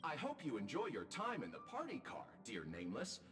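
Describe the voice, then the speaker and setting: Courteous robot bartender. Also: male voice, medium pitch, wildly swooping pitch, fairly quick, big-room sound, over music. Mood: welcoming. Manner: courteous, formal, dryly witty. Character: polite male robot drink-serving attendant. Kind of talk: game character dialogue.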